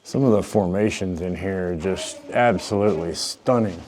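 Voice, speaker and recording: Low-voiced man echoing in a cave. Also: moderate pace, darkish tone. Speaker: vlog host. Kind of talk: casual walk-through vlog. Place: inside a large limestone cave. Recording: echoing cave with background noise.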